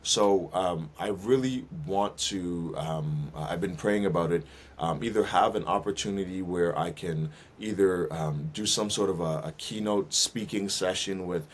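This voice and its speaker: A man, a minister and detailing business owner, speaking as a guest in a casual interview, thoughtful and filling pauses with um and uh. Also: low voice. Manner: thoughtful, many fillers and restarts.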